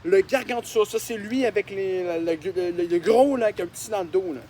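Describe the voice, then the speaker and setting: A man's voice: high voice, a little fast, dark tone, slight background noise. A young man with a Québécois accent, making mocking, self-deprecating commentary on his old drawings and swearing often. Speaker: YouTuber. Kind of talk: casual commentary on childhood drawings.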